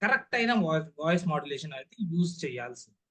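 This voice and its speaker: A Telugu-accented young man runs an online class on public speaking, leaning on key words and regularly checking comprehension through rhetorical questions. His voice is on the high side, sing-song and fairly bright, and he talks at a racing pace.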